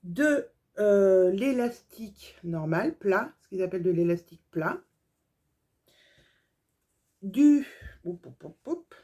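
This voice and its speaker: A woman's voice: medium pitch, expressive, takes it slowly, long pauses, warm tone. A woman sewing vlogger chatting casually through a haul video, gushing over small details with lots of fillers.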